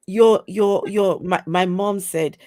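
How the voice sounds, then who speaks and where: A woman from Africa hosts a relaxed interview and talks slowly and thoughtfully, pausing often on small fillers. Her voice sits at a middling pitch. The sound is dry and close, with no room around it. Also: dry recording. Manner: slow and reflective, with fillers. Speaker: host. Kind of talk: casual interview chat.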